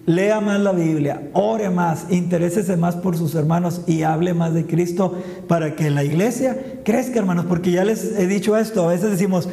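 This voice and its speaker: A man's voice: sits high, fairly even intonation, normal speed, gravelly, warm tone. A man preaching a sermon in a church, calling his listeners "brothers" again and again and reading scripture aloud. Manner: addresses listeners as "hermanos" constantly; reads scripture verses aloud. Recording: echoey hall with long reverb.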